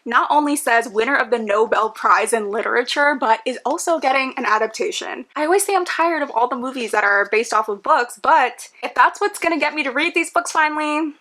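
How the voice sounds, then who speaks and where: Young woman, book vlogger, casual chat, bright voice, slightly high, filler-heavy. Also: a little fast, few pauses. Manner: chatty, gushing, lots of "like" fillers. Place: home room with book cart.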